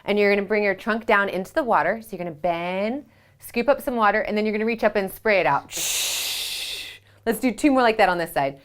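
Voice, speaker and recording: A woman leading a children's yoga storytime at home. She reads a picture book aloud and asks the kids gentle questions. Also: medium pitch, quick pace, clear, resonant tone.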